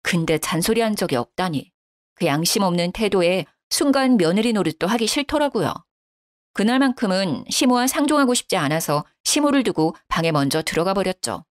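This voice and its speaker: Woman calmly narrating a true story. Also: fairly quick, no echo, studio quality. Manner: calm, low-key first-person telling. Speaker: storyteller narrating as the daughter-in-law.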